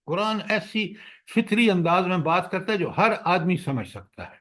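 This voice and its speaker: Man giving a lively Quran lecture. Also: sits high. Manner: asks the class questions, recites verses slowly. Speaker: Quran teacher.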